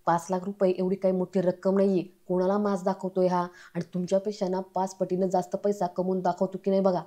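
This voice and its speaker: A woman reading the lines of a defensive young man who brushes off accusations, in an even, dark voice. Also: lowish voice, quick pace, lightly acted. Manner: defensive, boastful.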